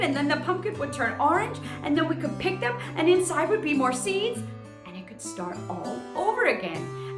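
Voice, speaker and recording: A high-voiced woman teaches a children's lesson and read-aloud, using exaggerated child-directed delivery and asking her listeners questions, then pausing for answers. The room has a roomy echo, with plucked guitar music in the background.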